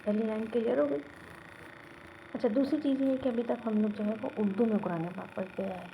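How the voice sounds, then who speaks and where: A woman's voice: a little high, fairly even intonation, creaky, highs cut off, a little hiss or hum. A woman teaching a beginner Quran reading lesson, speaking patiently and checking often that learners follow. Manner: patient, asks learners to repeat, checks with "theek hai?".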